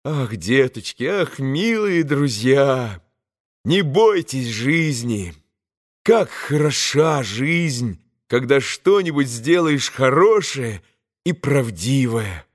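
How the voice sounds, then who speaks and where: A man voicing a gentle, earnest young man giving a tender speech in an audiobook. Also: mid-range voice, sing-song, slow pace. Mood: joyful. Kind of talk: audiobook character reading.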